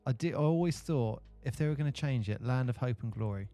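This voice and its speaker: A man hosting a basketball podcast, excitable and teasing in casual chat. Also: mid-range voice, a little fast, faint music behind. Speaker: podcast host.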